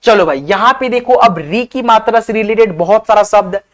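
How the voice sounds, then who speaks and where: A man's voice: high-pitched, fairly quick. A man teaching a beginners' spelling lesson, sounding out words letter by letter, often checking in with "theek hai" and calling viewers his friends. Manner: addresses viewers as friends, asks them to comment. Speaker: online teacher.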